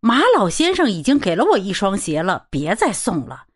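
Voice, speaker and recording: A woman doing a steady, sensible young man. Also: mid-range voice, normal speed, slightly rough, dry recording, clean studio sound.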